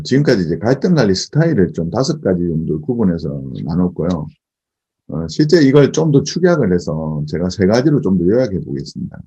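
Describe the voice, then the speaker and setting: Guy giving a lecture, low husky voice that swings around a lot, keeps asking the class questions, muffled lo-fi audio. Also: mellow. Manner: asks rhetorical questions, frequent "예" affirmations. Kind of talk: recorded lecture.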